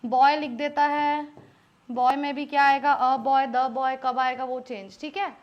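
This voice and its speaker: Indian woman, high voice, online English teacher, explains step by step and quizzes the class. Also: little pitch movement, a little slow, lo-fi sound. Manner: explains step by step, quizzing students with frequent questions.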